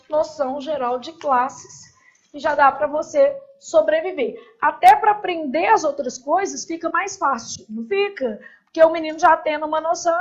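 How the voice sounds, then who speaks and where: A woman's voice: high voice, highs cut off. A woman teaching a grammar class in a casual, chatty way, with joking asides and constant "né?" tags.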